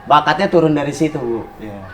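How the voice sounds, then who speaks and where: A man's voice: a little high, a little fast, background noise. A man in his twenties, a guest on a talk show, speaking casually and politely with some hesitation. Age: 20s. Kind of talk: casual interview chat.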